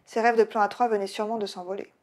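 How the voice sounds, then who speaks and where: Woman author narrating her own novel, lively audiobook read. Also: mid-range voice, rapid-fire. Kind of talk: audiobook reading.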